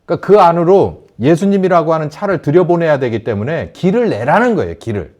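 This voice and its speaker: A male pastor preaching a sermon, asking the congregation questions and acting out shouted quotes. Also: a little high, very animated, quick pace.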